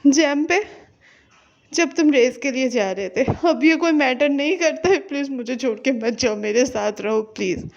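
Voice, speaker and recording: A woman's voice: high voice, animated, measured pace. A woman doing an anguished young man. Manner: urgent, apologetic. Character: anguished young man torn between love and duty. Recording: dull lo-fi recording.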